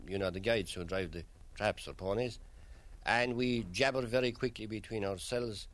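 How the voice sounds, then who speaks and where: A man with a Kerry Irish accent, answering interview questions as a local guide with measured, storytelling delivery. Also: fairly low pitch. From County Kerry, Ireland.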